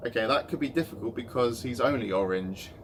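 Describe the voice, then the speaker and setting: A man's voice: medium pitch, brisk. A man in his late twenties, hosting a casual chat and rambling along with fillers. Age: 20s. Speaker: host. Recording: light background noise.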